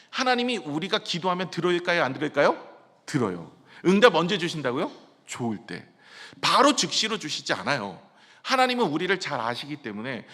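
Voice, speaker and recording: In a church sanctuary, a male pastor with a fairly high, slightly bright voice preaches a sermon, asking the congregation questions and answering them himself. The recording carries long church hall reverb.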